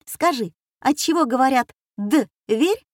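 A woman's voice: high voice, animated, slow pace, no room sound, studio quality, pitched above the performer's own voice. A woman voicing a playful young daughter who teases her brother. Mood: teasing.

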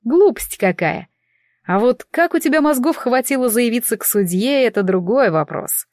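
A woman's voice: a little high, animated, normal speed, darkish tone, no room sound, voice pushed up, lightly acted. A woman voicing a male elf who teases dryly and muses. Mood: scolding. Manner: teasing, dry. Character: wry male elf, teasing and thoughtful.

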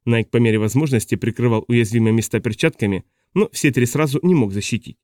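A man narrates an audiobook with steady, even storytelling. His voice is dark and relaxed, and the recording is dry and close with no room echo. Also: medium pitch, fast. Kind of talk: scripted narration.

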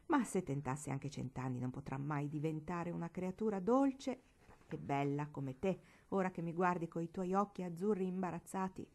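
A woman reading aloud voices a kind aunt comforting a child, slow and soothing in a storybook reading. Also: on the low side.

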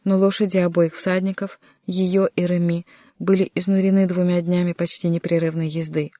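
An audiobook narrator reading a historical adventure novel in an even, measured way. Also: medium pitch, no room sound, studio quality. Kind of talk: scripted narration.

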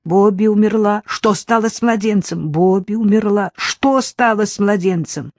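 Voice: medium pitch, moderate pace, darkish tone, dry recording, studio quality, pitched above the performer's own voice, lightly acted. A reader doing a pleading, distraught sister. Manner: urgent, pleading questions. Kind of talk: audiobook reading.

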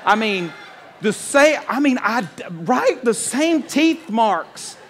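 A man preaching a sermon, mixing a funny personal story with scripture, animated and laughing at his own punchlines. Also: very high voice, slow pace, a faint crowd, slight background noise. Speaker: pastor.

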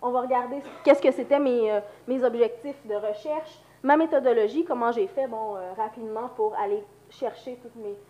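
Female lecturer, Quebec French accent, fairly high voice, speaking with the flu; informal conference talk. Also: normal speed, few pauses, mellow, muffled recording. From Quebec, Canada. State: has the flu. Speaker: university lecturer and researcher.

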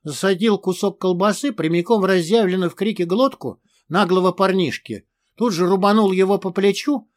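A man reading a first-person audiobook in a tough, gruff manner. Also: high-pitched. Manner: tough, gruff with crude curses in dialogue. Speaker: audiobook narrator.

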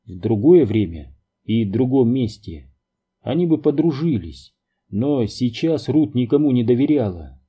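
A man narrating an audiobook in a steady, measured reading. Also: mid-range voice, slightly rough, dull audio. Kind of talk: scripted narration.

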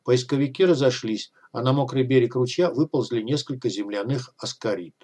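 A man narrating an audiobook in a steady, measured reading. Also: mid-range voice, slightly rough. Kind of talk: scripted narration.

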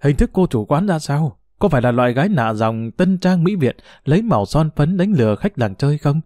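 A man voicing a sharp-tongued older wife who scolds and pries at her husband. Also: on the high side, sing-song, fairly quick, no echo, studio quality, faint music behind. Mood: scolding. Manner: scolding, prying.

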